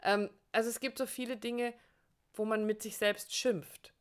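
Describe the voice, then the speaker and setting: A woman co-hosting a coaching podcast, speaking directly to the listener in a warm, encouraging way. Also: on the high side, steady tone, unhurried, clean tone. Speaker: co-host, relationship coach. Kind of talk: conversational podcast talk.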